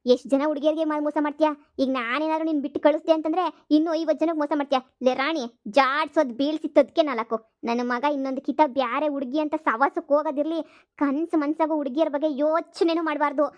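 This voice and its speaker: A woman voicing an angry, sharp-tongued village wife in a cartoon comedy, cursing in a rapid tirade. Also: high voice, steady tone, no room sound, close to an everyday voice. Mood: furious scolding. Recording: slightly dull, dry dub.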